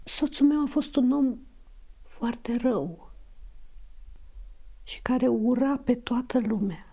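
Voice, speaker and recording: A woman acting a bitter mother in a film drama, in a breathy half-whisper. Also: fairly high pitch, slow, mellow, heavily acted. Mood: hushed, bitter.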